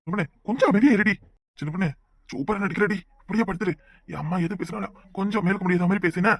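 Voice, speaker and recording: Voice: mid-range voice, rapid-fire, lightly acted. A voice actor playing a coaxing young village husband in a cartoon, with a Kanyakumari Tamil accent. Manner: coaxing, pleading.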